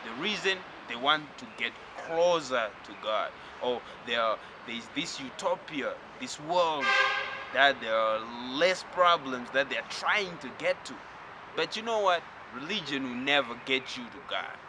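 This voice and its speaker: A man from Zimbabwe giving a spiritual lecture, talking slowly and reflectively and addressing the listener directly. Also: medium pitch, lively intonation, noisy background.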